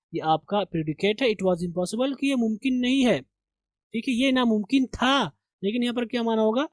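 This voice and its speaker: A man, teaching English through line-by-line translation, reading English slowly and explaining quickly. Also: sits high, no echo. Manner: reads English slowly, then explains briskly in Urdu; repeats "theek hai" as a check-in.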